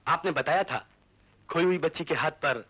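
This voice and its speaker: An actor playing a grave doctor who gives serious news in a measured way, in 1970s Hindi film style. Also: male voice, fairly high pitch, pushed and bright, slightly rough, poor audio.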